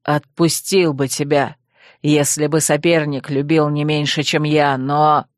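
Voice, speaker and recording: A lovesick young werewolf from an audiobook speaks in a low, rumbling growl, as a woman narrator puts him on. He talks heatedly and bitterly, his voice dropped well below a woman's usual range. The sound is dry and close. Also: level tone, a little slow, dry recording. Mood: impassioned. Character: passionate young male werewolf suitor, brooding. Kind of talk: audiobook character voice.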